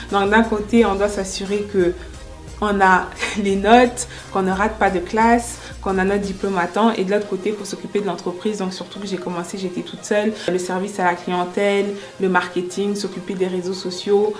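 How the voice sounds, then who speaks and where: A mid-range female voice belongs to a twentysomething makeup artist and entrepreneur, born in France and brought up in the US. She gives an earnest, explanatory first-person account during an interview, with music playing underneath.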